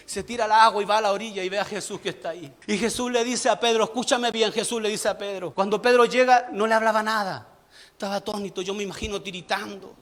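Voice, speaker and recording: A man's voice: sits high, fairly bright tone, big-room sound. A man pastor preaching an emphatic, repetitive sermon in a church, stumbling now and then.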